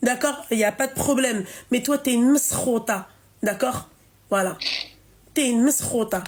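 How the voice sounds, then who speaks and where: Femme aiguë qui sermonne avec insistance. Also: female voice, on the high side, normal speed. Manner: scolding, emphatic, repeats herself. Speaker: live stream host. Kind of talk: live call-in chat.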